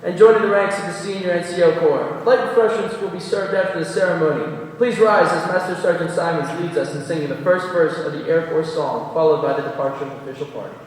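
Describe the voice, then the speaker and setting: A man makes brisk formal announcements at a ceremony. His voice sits high for a man. He is distant from the mic, in a hall with strong echo. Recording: echoey hall, far mic.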